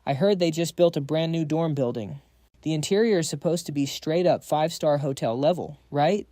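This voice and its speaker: A man's voice: a little high, normal speed, dark tone, dry recording, clean studio sound, lightly acted. A man voicing a weary, sarcastic young male student who talks in exasperated, slangy inner monologue.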